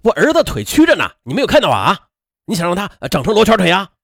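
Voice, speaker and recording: A man's voice: high-pitched, wildly swooping pitch, fast, vocal fry, fairly bright tone, slightly rough, dry recording, clean studio sound, pitched above the performer's own voice, heavily acted. A man voicing an angry young husband who barks and scolds. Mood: furious. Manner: barking, scolding.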